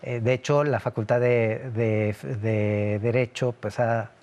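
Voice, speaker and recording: A middle-aged man speaks as a guest in a conversational interview, explaining things patiently at length. He often pauses on fillers and restarts his sentences. His voice sits at an ordinary pitch. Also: flat delivery, a little mellow. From Italy. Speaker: interview guest, security analyst.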